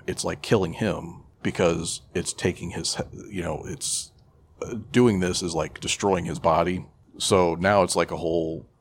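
Against slight background noise, a man with a low voice co-hosts a podcast and casually walks through a film's plot. His telling rambles and is irreverent and profane.

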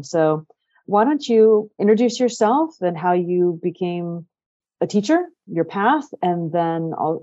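A woman's voice: low-pitched, dark tone, dry recording, muffled recording. A woman hosting a podcast interview, introducing her guest in a friendly, upbeat way. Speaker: podcast host.

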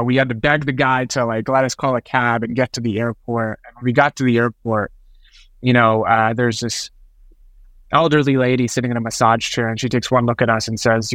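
A man's voice: medium pitch, a bit bright, no echo, low-quality recording. A man speaking as a startup co-founder, telling stories conversationally in an interview with an informal tech-founder way of talking.

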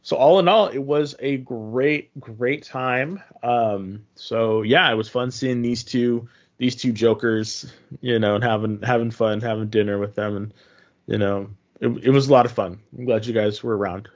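A man co-hosting a podcast, chatting casually and haltingly, often repeating his phrases. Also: mid-range voice, steady tone, muffled recording. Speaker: podcast co-host. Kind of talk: casual chat about games and trips.

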